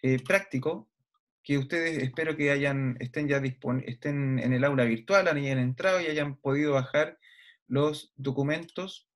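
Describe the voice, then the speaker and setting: A man's voice: mid-range voice, steady tone, a little slow. A man teaching an online class, explaining step by step and often checking in with his students, with some hesitant fillers. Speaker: university lecturer. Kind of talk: online lecture.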